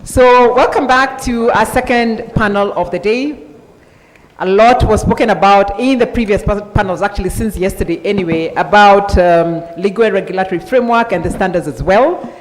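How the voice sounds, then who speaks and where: A woman's voice: mid-range voice, moderate pace, a little hiss or hum. A woman, emceeing a conference and introducing panelists, drawing out names and key words in an upbeat way. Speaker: event emcee. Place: large indoor conference hall. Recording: reverberant conference hall PA.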